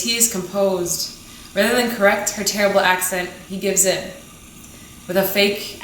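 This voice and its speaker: A young adult woman, a student poet, giving a measured, emphatic poetry reading. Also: mid-range voice, a bit bright. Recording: echoey room, faint background noise.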